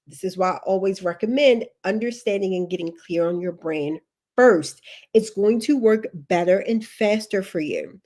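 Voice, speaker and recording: This woman speaks at medium pitch with a darkish tone. On her career-coaching livestream she's sniffly from allergies, yet she stays emphatic, going back over her key instructions and adding chatty asides.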